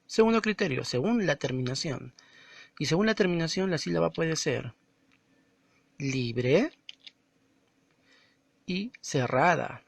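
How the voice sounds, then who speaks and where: A male teacher giving a slow, didactic recorded lesson, stressing words and syllables as he explains them. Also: fairly high pitch, expressive, vocal fry.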